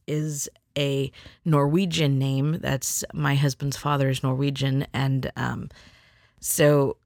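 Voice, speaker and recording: A woman's voice: low-pitched, no echo, clean studio sound. A middle-aged woman telling a rambling personal story in a chatty, casual way, acting out the people she quotes.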